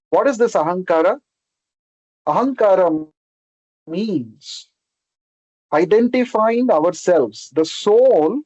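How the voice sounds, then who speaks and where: A man's voice: sits high, a little mellow, no echo. A man from South India with a Telugu Indian accent gives an explanatory religious lecture as a spiritual teacher, repeating key terms and checking in with short questions. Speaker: spiritual teacher giving a scripture class. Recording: dull lo-fi sound.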